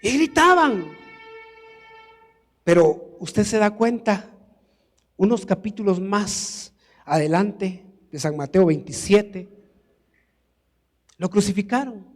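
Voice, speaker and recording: A man's voice: high-pitched, takes it slowly, pauses often, darkish tone, in a large hall, faint music behind. A man preaching a sermon in a church, emphatic and building to exclamations. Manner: emphatic, rises to exclamations and acted quotes.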